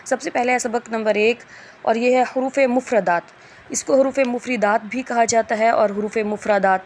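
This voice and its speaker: A woman's voice: fairly high pitch, slight background noise. A woman teaching a Quran reading lesson, explaining rules patiently and stretching out letter sounds as examples. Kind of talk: Urdu lesson lecture.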